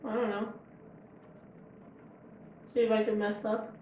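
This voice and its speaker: A woman's voice: medium pitch, flat delivery, slow, mellow, slight background noise. A woman hosting a casual home cooking show, chatting and joking while she tastes her food in her kitchen. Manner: chatty, joking, talks with her mouth full. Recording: echoey kitchen, mic far off.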